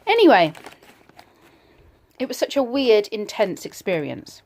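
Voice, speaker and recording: A woman's voice: fairly high pitch, very animated, measured pace, a little mellow. Woman telling a personal story, hesitant and reflective. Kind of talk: personal ghost story told casually.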